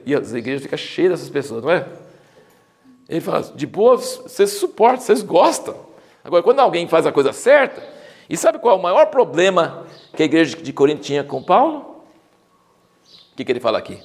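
A man with a Brazilian Portuguese accent teaching the Bible in a conversational, informal way, reading scripture slowly and emphatically and dwelling on its irony. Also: medium pitch, vocal fry. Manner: animated, informal, leans into irony and sarcasm.

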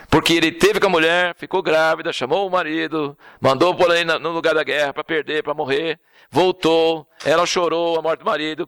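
There's a man giving an informal sermon, narrating animatedly and conversationally while often checking in with "right?" and "understand?", the "né?" and "entendeu?" he repeats so frequently. His voice runs on the high side in a dry recording.

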